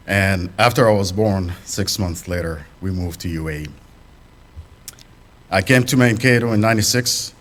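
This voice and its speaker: A man with a deep, low voice addresses a congregation as a guest speaker. He talks in an unhurried way, pausing on fillers and restarting phrases. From Sudanese family, raised in the UAE. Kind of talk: talk at a congregation. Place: fellowship hall.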